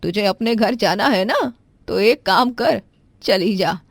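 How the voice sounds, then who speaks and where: A woman's voice: mid-range voice, lively intonation, gravelly, no room sound, full character voice. Woman doing a stern, suspicious mother-in-law. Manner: slow, questioning, scolding.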